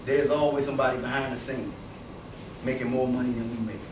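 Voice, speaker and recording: A man speaks at medium pitch with fairly even intonation, a little fast, over background noise. He is an invited speaker giving an emphatic public speech to students in a university lecture hall, throwing rhetorical questions at the crowd. The recording is echoey and captured from far off.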